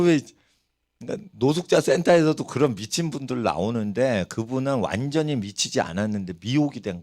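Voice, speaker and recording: A middle-aged man preaching a sermon from a church pulpit, his voice rising and falling widely as he tells stories. He keeps turning to the congregation with quick rhetorical questions. His pitch sits at an ordinary male middle. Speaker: pastor. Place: church sanctuary.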